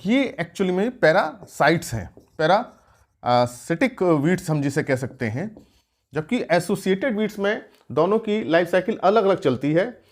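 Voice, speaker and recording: A man teaching an exam-prep lesson on weeds, explaining step by step with rhetorical questions and frequent filler sounds. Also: sits high.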